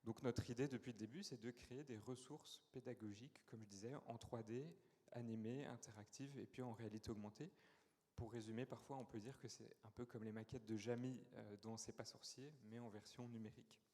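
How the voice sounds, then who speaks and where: Man pitching in a conference hall. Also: fairly even intonation, a little fast, warm tone. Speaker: startup founder pitching. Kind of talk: business pitch.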